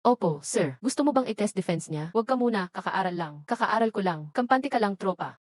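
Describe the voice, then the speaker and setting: A woman's voice: medium pitch, lively intonation, a little fast, no room sound. A woman reading all the roles of a dubbed short drama in one voice.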